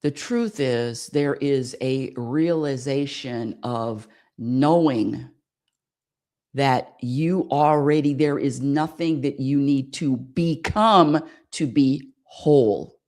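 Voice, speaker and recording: A woman's voice: very deep voice, slow pace, darkish tone. A woman hosting a spirituality radio show, talking in a repetitive, searching way and often asking listeners for agreement. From United States. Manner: repetitive and searching, calls for audience affirmation. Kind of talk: spiritual talk monologue.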